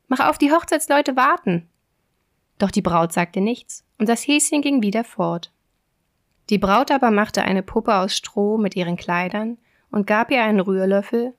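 A woman reads a fairy tale aloud in a calm, steady voice of medium pitch. Her narration is even and unhurried.

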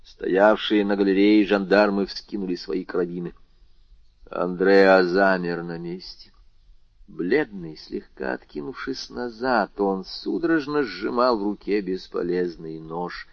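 A man narrating an audiobook with dramatic, expressive storytelling. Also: low voice, unhurried, no room sound. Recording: dull lo-fi recording.

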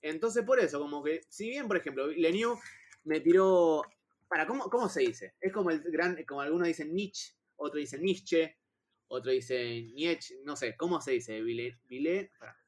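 A man with a Rioplatense accent in casual film chat, excitable and heated, with stumbling restarts and slang. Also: fairly high pitch, brisk. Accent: Rioplatense Spanish. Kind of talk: casual chat about films.

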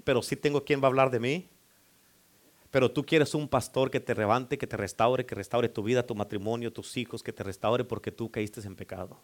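A male pastor, preaching a sermon and calling out questions for the congregation to answer. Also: medium pitch. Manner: preaching with call-and-response to the congregation.

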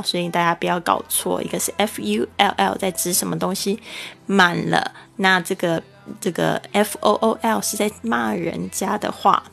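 Lady doing an english lesson podcast, spells stuff out slow, bit of vocal fry. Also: medium pitch. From Taiwan. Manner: explanatory, spells words out letter by letter, repeats English phrases slowly. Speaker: English teacher and podcast host.

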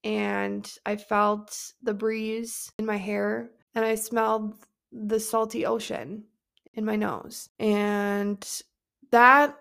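Reflective woman with vocal fry. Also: medium pitch, level tone, takes it slowly, fairly bright tone. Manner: earnest, reflective, repeats words while thinking aloud. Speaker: podcast host and coach. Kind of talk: personal storytelling podcast.

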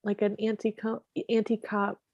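A young woman joining a casual chat, speaking in halting phrases. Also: mid-range voice, completely flat delivery, a little mellow, no echo, lo-fi sound.

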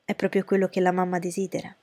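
A woman voicing a sensible, sharp young woman who reasons in a level way. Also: fairly low pitch, completely flat delivery, quick pace, no room sound, natural voice. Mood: reasoning. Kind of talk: audiobook character voice.

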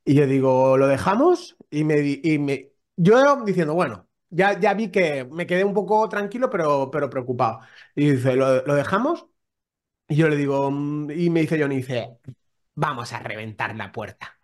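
A man's voice: fairly high pitch, normal speed. A man telling a story in casual podcast chat, acting out the dialogue as he goes. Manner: animated storyteller, acts out dialogue. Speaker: podcast co-host.

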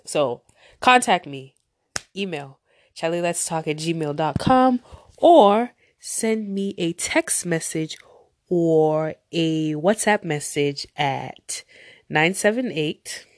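Here the podcast host's voice is deep, captured dry at studio quality. Stuffed up with a cold, she rambles chattily through her solo show, drifting onto side topics.

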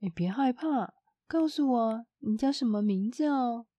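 A woman voicing a kind-hearted male tramp in a storybook, speaking in a soothing, unhurried way. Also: fairly high pitch, expressive, mellow, dry recording. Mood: gentle. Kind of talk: storybook reading.

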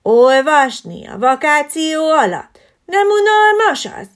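A woman voicing a playful, restless young horse schoolboy with an excited, questioning manner. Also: high voice, voice pushed up. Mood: eager.

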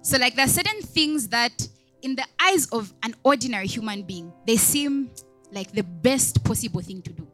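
A woman's voice: a little high, animated, moderate pace, bright, forceful tone, soft background music. A young woman, a deaconess, giving a conversational sermon, chatty, with many asides and questions put to the congregation. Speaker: deaconess preaching.

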